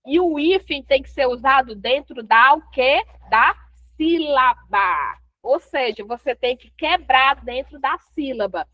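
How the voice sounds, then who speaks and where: In an online class, a woman with a Brazilian Portuguese accent teaches essay writing, explaining step by step and answering her own questions. Her high-pitched voice is a little slow with hardly any pauses, and the dull, dry lo-fi audio has no room sound.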